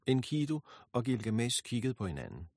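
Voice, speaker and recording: A man narrating a myth as a storybook reading, in a steady, expressive way. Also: mid-range voice, no echo.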